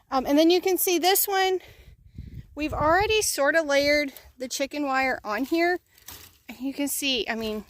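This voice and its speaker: A woman's voice: on the high side, sharp tone, dry recording. A woman vlogging outdoors at her chicken pen, explaining the work in a casual, chatty way with plenty of ums and uhs. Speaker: homesteading vlogger.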